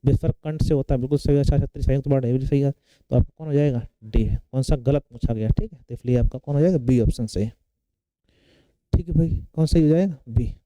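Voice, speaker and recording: Male tutor, very dark and smooth voice, drills exam questions with repeated check-ins. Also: mid-range voice, brisk, no room sound, poor audio. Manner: asks and answers his own questions, repeats key terms. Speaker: Hindi grammar teacher. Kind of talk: exam-prep lecture.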